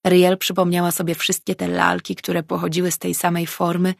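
A woman reading a novel aloud as an audiobook narrator, in calm, even storytelling. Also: lowish voice, brisk, gravelly, no room sound, clean studio sound. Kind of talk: scripted narration.

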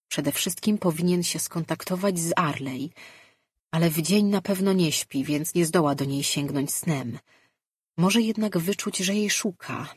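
A woman narrating a fantasy audiobook in a slow, measured way. Her voice is husky and lowish. The recording is close and dry. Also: no room sound.

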